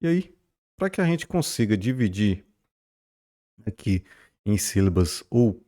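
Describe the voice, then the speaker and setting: Teacher explaining with stretched stresses. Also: male voice, on the low side, sing-song, unhurried, dark tone. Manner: explanatory, checks in often with "beleza?" and "né?"; stretches out stressed syllables when modeling words. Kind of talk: recorded grammar lesson.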